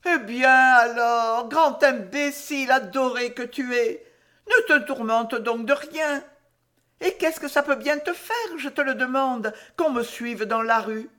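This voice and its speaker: A woman's voice: sits high, unhurried, fairly bright tone. A woman voicing a teasing, playful young woman who adores her anxious lover, in an audiobook reading. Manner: teasing, playful, mock-exasperated.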